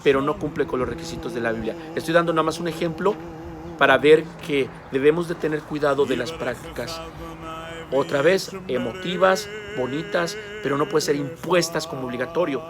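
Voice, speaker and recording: A man's voice: fairly high pitch, a little fast, music in the background. A man giving an earnest sermon-style teaching, emphatic and speaking straight to the listener. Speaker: preacher.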